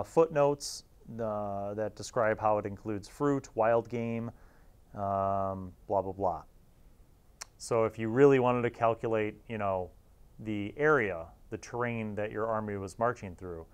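A man in his forties who hosts reviews of old gaming magazines speaks casually and wryly to camera. His voice is on the low side, clear and resonant, picked up by a lapel mic in a small studio.

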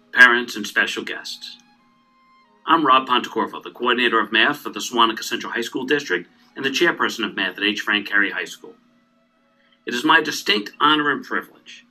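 A man's voice: medium pitch, bright, forceful tone, poor audio. A middle-aged man, a math department chair, formally presenting school awards while reading from papers. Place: indoor room, standing.

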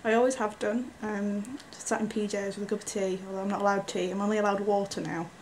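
Young woman, chatty and giggly, home vlog on a handheld camera, quiet room tone behind her. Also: medium pitch, little pitch movement, fast, slight background noise. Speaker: vlogger. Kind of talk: casual vlog chat. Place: at home indoors.

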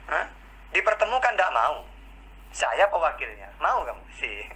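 Man debater, very bright sharp voice, combative, voice-chat debate. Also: a little high, very animated, measured pace, slight background noise, low-quality recording. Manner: challenging, combative. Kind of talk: heated online voice-chat debate.

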